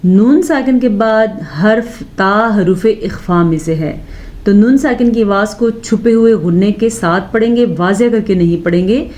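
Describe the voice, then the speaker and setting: Slow, patient woman teaching recitation. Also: mid-range voice, darkish tone. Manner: patient, corrects common mistakes, recites slowly and drawn out. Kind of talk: slow step-by-step recitation lesson.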